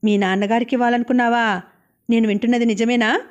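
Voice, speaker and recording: A woman's voice: on the high side, fairly even intonation, fast, lightly acted. A woman voicing an ambitious, domineering young husband who talks in a demanding, brusque way.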